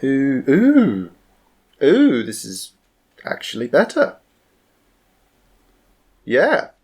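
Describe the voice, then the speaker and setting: A man's voice: mid-range voice, wildly swooping pitch, very slow, darkish tone, slightly rough. A man grumbling good-naturedly through a casual tabletop game. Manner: grumbling, self-deprecating. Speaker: board game player. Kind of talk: casual tabletop play chat.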